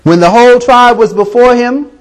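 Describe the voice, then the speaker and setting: A man preaching to a congregation, giving an animated retelling of a story with reverent honorifics. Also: extremely high pitch, normal speed. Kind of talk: sermon storytelling.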